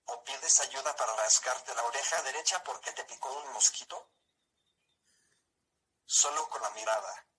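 A male synthesized text-to-speech voice like an old speech synthesizer, reading a scripted opinion segment in a robotic, measured way. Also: medium pitch, bright, forceful tone. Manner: robotic, evenly measured delivery. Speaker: opinion columnist.

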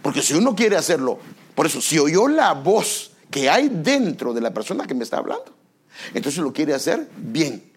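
A man's voice: a little high, sing-song, normal speed, breathy edge. A male pastor preaching a sermon, asking the congregation rhetorical questions and stressing repeated words.

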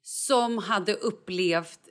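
A woman co-hosting a casual podcast, telling stories in an animated way and acting out what people said. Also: mid-range voice. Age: adult, mother. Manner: animated storyteller, acts out quotes. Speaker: podcast co-host. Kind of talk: casual chat.

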